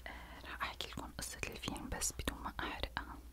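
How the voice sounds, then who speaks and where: A woman whispers throughout in an ASMR storytelling style. She has a Levantine Arabic accent and speaks as a creator confiding in her viewers. Her words are deliberately murmured and indistinct, carried on breath with little voicing.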